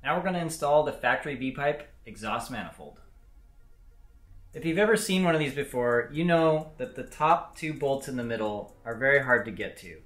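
A young man in his twenties, a mechanic host, talks to the camera in his home garage workshop, walking viewers through a repair step by step in a plain, instructive way. His medium-pitched voice is expressive and a bit bright, with a moderate pace. The room echoes, and soft music plays in the background.

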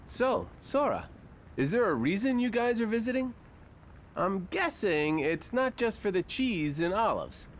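A man's voice: high voice, big pitch swings, measured pace, slight background noise. A man voicing a brawny, upbeat and confident young hero in a video game. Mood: friendly teasing. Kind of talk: video game cutscene acting.

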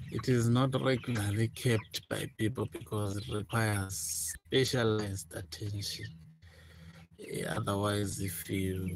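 A man speaking softly and hesitantly with many fillers, showing his broiler chickens in a chicken house on a handheld phone. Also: on the low side, very noisy. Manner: soft, hesitant, many fillers and repeated words. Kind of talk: informal farm walkthrough vlog. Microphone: handheld phone, speaker off camera. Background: chickens chirping.

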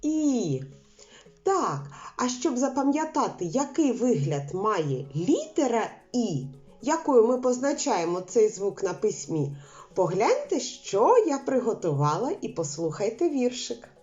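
A woman teaching a literacy lesson to preschool children, explaining slowly and clearly in a sing-song way. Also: fairly high pitch, big pitch swings, darkish tone, highs cut off, soft background music.

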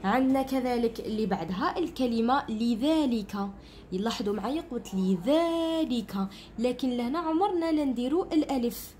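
Lively Algerian woman teaching children. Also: fairly high pitch, normal speed, a little hiss or hum. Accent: Algerian Arabic. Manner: explains step by step, often asks "understood?". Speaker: primary school teacher. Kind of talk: online grammar lesson for children.

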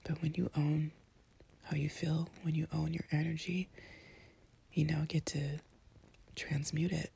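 A woman in a whispered role-play as an empathic girlfriend, comforting the listener in a soothing, tender, breathy whisper with long pauses. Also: deep voice, flat delivery, mellow. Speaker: intimate audio performer playing a comforting girlfriend.

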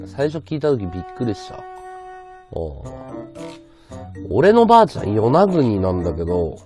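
A man's voice: medium pitch, warm tone. A man streaming live, chatting casually and answering his viewers' comments aloud. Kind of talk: casual livestream chat.

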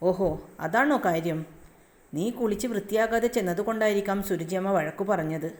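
A woman voicing a gentle, loving mother queen who speaks softly and soothingly, in a roomy recording. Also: mid-range voice, brisk, lightly acted. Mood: tender. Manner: soft, soothing. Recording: roomy echo.

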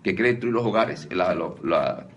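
A low-pitched man gives a casual teaching on deliverance. He restarts his sentences often and keeps calling his listeners brother. A faint hiss sits behind his voice. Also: sing-song, moderate pace. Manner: repetitive, addresses listeners as brother, frequent restarts. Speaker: deliverance preacher. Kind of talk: conversational teaching at a conference.

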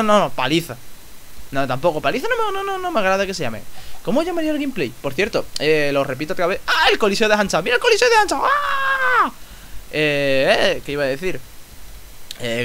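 A young man with a Spanish accent from Spain, commenting on his Minecraft play in an excitable, joking way and swearing freely. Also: poor audio. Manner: excitable, swears, jokes, sudden squeaky outbursts. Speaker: gaming YouTuber. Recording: faint hiss.

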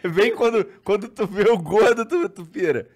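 A man hosting a podcast, asking relaxed, curious questions in casual chat. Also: sits high, normal speed. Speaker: podcast host.

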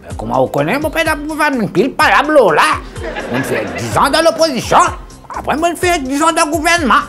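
A man's voice: very high voice, huge pitch swings, fairly quick, music in the background, full character voice. An actor playing a bumbling, grumbling old man with a Mauritian accent as a quiz contestant in a comedy sketch. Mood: matter-of-fact. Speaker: game show contestant. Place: TV studio set.

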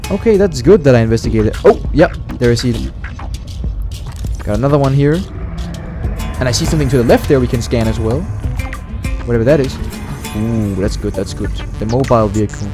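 A man doing casual gameplay commentary, thinking out loud in an excitable, repetitive way. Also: mid-range voice. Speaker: gamer, let's player.

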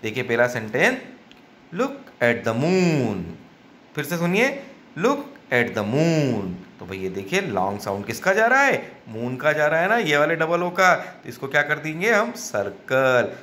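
A man teaching young children, drawing words out slowly and coaxing them with questions. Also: a little high, big pitch swings, pushed and bright, slight background noise. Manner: slow, drawn-out word-by-word enunciation, coaxing questions to children. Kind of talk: online class lesson for young children.

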